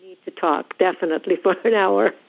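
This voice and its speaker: Woman, radio show caller, phone line audio, tinny, slightly low voice, polite. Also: fairly quick, creaky. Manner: polite, hopeful, short replies. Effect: radio show caller heard over a phone line. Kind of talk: casual call-in conversation.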